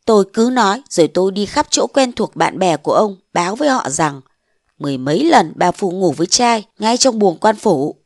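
A woman voicing a bold, scheming young wife of a mandarin, defiant and sharp-tongued, in a storybook reading. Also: medium pitch, lively intonation, normal speed, dry recording, studio quality. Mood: scornful.

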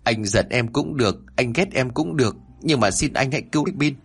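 A man's voice: medium pitch, expressive, brisk, gravelly, breathy edge. A man voicing a frightened, guilt-ridden young mother who pleads and apologizes in a horror story. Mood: pleading.

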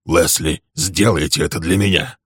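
Man doing a hoarse old man trying to keep order. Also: deep voice, steady tone, moderate pace, dry recording, clean studio sound. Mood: pleading. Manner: pleading then commanding. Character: older male host, stern and placating.

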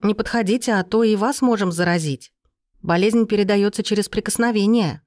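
An audiobook reader voicing a quick-witted young woman heroine who talks in a high, urgent, pleading voice, recorded dry. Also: darkish tone, no room sound, natural voice.

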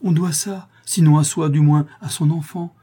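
A man's voice: on the high side, fairly even intonation, brisk, warm tone, husky, pitched above the performer's own voice. A man voicing a tearful young woman prisoner who is expecting a child, pleading and sobbing with fierce pride. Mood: proud.

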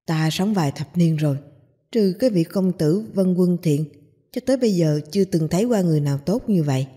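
A woman voicing a burly, bald, middle-aged man who gossips loudly in a storybook tale. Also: lowish voice, expressive, fairly quick, slightly rough. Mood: gossiping. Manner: loud, gossipy, raises his voice.

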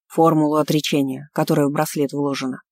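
A man's voice: on the high side, little pitch movement, brisk, darkish tone, dry recording, pitched below the performer's own voice, close to an everyday voice. A woman voicing a pedantic male court mage who speaks in formal, lecturing phrases. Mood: solemn.

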